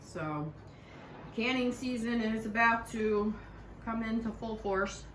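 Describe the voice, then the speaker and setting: A woman's voice: fairly high pitch, slow pace, a bit bright, distant mic. A middle-aged woman co-hosting a homestead channel, chatting casually over dinner. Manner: chatty, conversational. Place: home dining room. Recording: roomy, from the mic, faint hiss.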